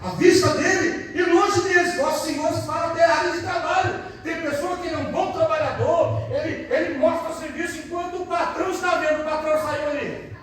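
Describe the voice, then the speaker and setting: High-voiced Brazilian pastor in an echoey church. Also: male voice, fairly even intonation, a little fast, a bit bright. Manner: addresses the congregation as brothers, asks for amens. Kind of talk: preaching sermon with personal testimony. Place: church hall, indoors. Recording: very echoey church hall, mic far off.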